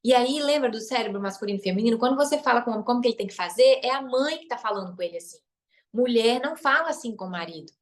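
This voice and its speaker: Higher-voiced Brazilian woman coaching. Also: expressive, very fast. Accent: Brazilian Portuguese. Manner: emphatic, repeats key phrases, tag questions. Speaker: relationship coach and therapist. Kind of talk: live online masterclass.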